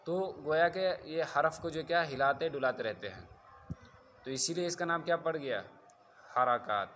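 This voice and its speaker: A man teaching a Quran reading lesson. He spells syllables slowly and loudly, checking again and again that viewers follow. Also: fairly high pitch, slight background noise. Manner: drills letters slowly and loudly, repeats "theek hai?" to check understanding.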